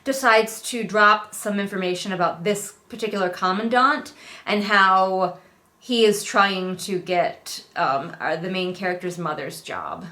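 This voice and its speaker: This book review host, a middle-aged woman, talks at a slightly slow pace with a medium-pitched, pushed, bright voice. She reads along casually and with exasperation, acting out quotes sarcastically.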